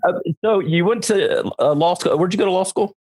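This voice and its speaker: A man's voice: high voice, brisk, darkish tone. A man hosting an interview show, asking questions in a friendly, informal way. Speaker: podcast host. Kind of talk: casual interview.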